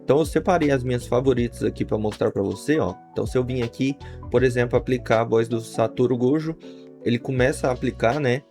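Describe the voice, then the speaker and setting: Brazilian male reviewer, creaky mid-pitched voice, casual tutorial delivery, light music bed. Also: fast talker, darkish tone. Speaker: YouTube software reviewer. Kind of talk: casual scripted-sounding product tutorial. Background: faint guitar music.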